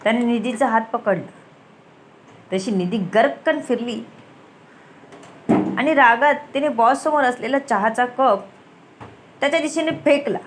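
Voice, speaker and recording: Woman narrator, higher pitch, storybook reading, voices the dialogue. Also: measured pace, long pauses, a little hiss or hum. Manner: acts out the dialogue, switching voices between characters. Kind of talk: reading a romance story aloud.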